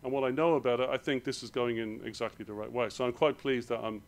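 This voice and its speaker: A man with an Irish accent, giving a hurried conference presentation in a hall. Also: mid-range voice, fairly even intonation. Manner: rushed, hurried delivery. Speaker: conference speaker.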